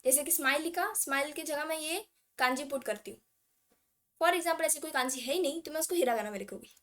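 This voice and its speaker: In a casual language class, an Indian woman mixes in English words as she slowly reads through syllable charts. She has a high, slightly bright voice.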